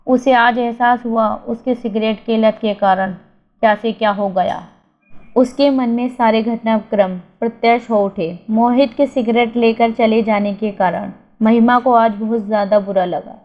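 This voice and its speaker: A woman narrating an emotional story in a measured, emotive way, on a slightly dull recording. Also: fairly high pitch.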